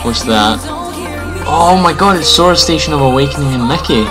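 A man hosting his channel, giving a live reaction commentary and gushing with excited exclamations. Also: a little high, moderate pace. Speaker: YouTube host reacting to a game trailer. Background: trailer music playing loudly.

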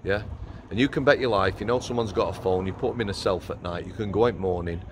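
A man's voice: deep voice, quick pace. A man, a former prison officer hosting a walk-and-talk interview on a street at night, talking bluntly into a lapel mic. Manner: blunt, plain-spoken. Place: outdoors on a city street at night. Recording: loud street noise.

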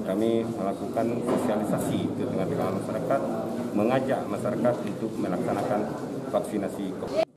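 Middle-aged male local official, lowish voice, formal interview answer, echoey room. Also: steady tone, a little fast, very noisy. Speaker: village head. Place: indoor hall. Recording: echoey room, loud crowd behind.

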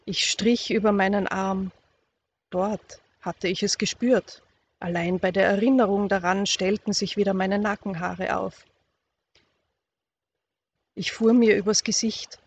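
Slow audiobook reader, calm measured storytelling, soft in tense passages, slightly dull recording, faint background hiss. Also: medium pitch, creaky. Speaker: reader of a youth novel. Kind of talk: audiobook reading of a first-person youth novel.

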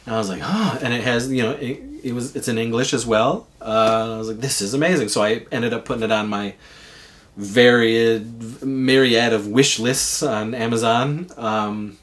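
A man's voice: medium pitch, fairly even intonation, normal speed, fairly bright tone. A man in casual podcast chat, telling a rambling, enthusiastic story and swearing freely. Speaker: podcast regular.

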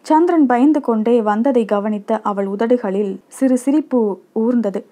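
A woman narrating a short story in a steady, expressive storytelling manner. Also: a little high, measured pace.

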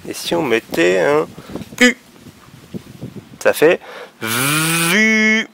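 A man's voice: fairly high pitch, very animated, slow pace, creaky, a bit bright, a little hiss or hum. A man teaching young children letter sounds, patiently drawing out each sound. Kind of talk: phonics lesson for young children.

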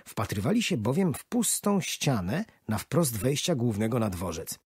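A man narrating a children's audiobook in an expressive storytelling manner. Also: mid-range voice, moderate pace, husky, no echo. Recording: dry studio audiobook.

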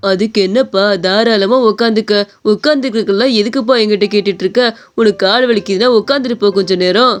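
A woman voicing a gentle, kindly old man who runs a small appam shop, with a soft, fatherly, consoling way of talking. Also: mid-range voice, quick pace, faint music behind, natural voice. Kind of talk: animated story voice acting.

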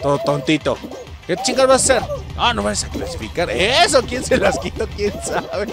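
A young Mexican man giving loud, profane, excited commentary over his own gameplay, often yelping and laughing. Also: high voice, normal speed, creaky. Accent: Mexican Spanish. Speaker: gaming YouTuber. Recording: game music behind.

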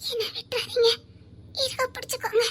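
A timid young heroine in a romantic audio drama, acted by a woman, with an extremely high, girlish voice. She is stubborn at first and then fearful, and she talks in a soft, pleading, tearful way. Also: fairly even intonation, a little fast, slight background noise. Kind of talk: amateur audio drama acting.

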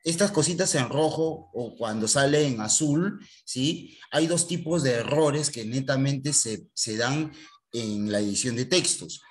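A man teaching a computer class in an online recording. He talks straight to his students and keeps checking with a quick "¿ya?". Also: mid-range voice.

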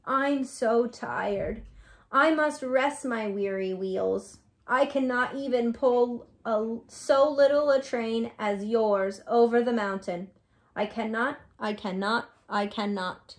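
A woman voicing a tired, rusty old male engine in a storybook reading, speaking wearily and very slowly. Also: on the high side. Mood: weary. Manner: weary, sighing, very slow.

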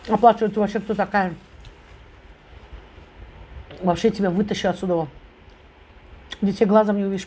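A woman's voice: mid-range voice, dark tone. A woman eating on camera, chewing while she talks, who retells a friend's story and keeps putting in "she says". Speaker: mukbang vlogger.

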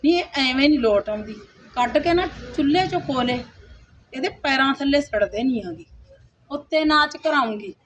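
A woman's voice: sits high, expressive, normal speed, a little hiss or hum. A woman playing a cruel, scheming stepmother who taunts and scolds with wailing cries. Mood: gloating. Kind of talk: Punjabi village skit acting.

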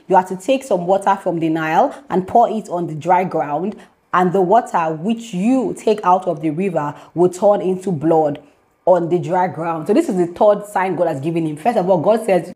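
A woman's voice: on the low side, mellow. A woman teaching a devotional lesson to camera, reading scripture aloud and explaining it in an earnest, preaching way. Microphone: camera mic, speaking to camera.

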